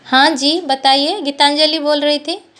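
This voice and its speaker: A woman giving an online Sanskrit class, explaining slowly and repeating terms. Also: high voice, fairly even intonation, fairly bright tone, a little hiss or hum. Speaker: Sanskrit lecturer.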